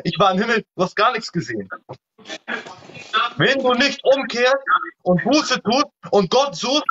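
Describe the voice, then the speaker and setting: A man's voice: very high voice, lively intonation, a little slow, a bit bright, slight background noise. A man preaching in a heated live-stream debate, admonishing and repeating fire-and-brimstone warnings. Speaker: online evangelist. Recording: muffled lo-fi live-stream audio.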